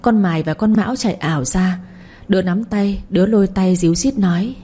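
A woman's voice: medium pitch, brisk, dark tone, breathy edge. A woman narrating a serialized family drama, reading every character's lines herself. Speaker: storyteller.

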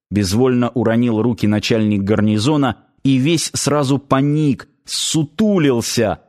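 A man reading the narration of a novel as an audiobook, steady and measured. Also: medium pitch. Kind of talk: scripted narration.

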